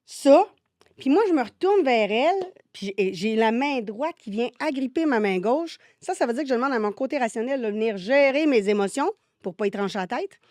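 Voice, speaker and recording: A woman with a Québécois accent tells animated stories and acts out the dialogue in casual podcast talk. Her voice sits a touch high. The sound is dry and close-miked. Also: no room sound. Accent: Québécois French. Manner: lively, animated anecdote telling with quoted dialogue. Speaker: guest, synergologist.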